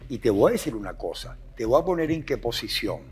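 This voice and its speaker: A man with a Venezuelan accent appears as a guest addiction expert, giving emphatic testimony and explanation with passion and repeating phrases for emphasis. His mid-range voice swings widely in pitch, and he speaks fast.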